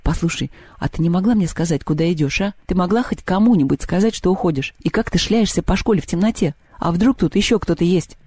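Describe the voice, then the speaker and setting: A man's voice: high voice, quick pace, few pauses, darkish tone, a little hiss or hum. A man reading an audiobook voices a nervous schoolboy trying to take charge, talking in an agitated, scolding way.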